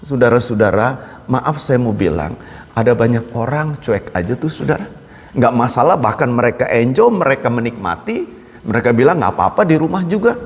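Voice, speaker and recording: A man's voice: medium pitch, animated, moderate pace. A male pastor preaching a sermon in a church, emphatic and often turning to address his listeners directly. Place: church hall. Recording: long reverb of a large hall.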